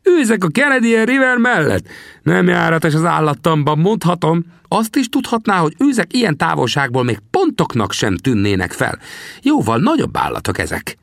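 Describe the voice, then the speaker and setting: A man's voice: on the high side, very animated, creaky, fairly bright tone, no echo, clean studio sound, voice pushed up, exaggerated voice. A man voicing a teasing old male frontier trapper in an audiobook, with a mocking, cackling manner. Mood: scornful.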